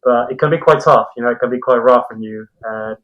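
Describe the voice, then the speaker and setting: A man's voice: mid-range voice, brisk, a bit bright, muffled recording. A man from Colombia speaking through a mask as a podcast guest, chatting casually and telling anecdotes with small hedges. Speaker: podcast guest, tattoo and comic artist. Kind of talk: casual interview chat.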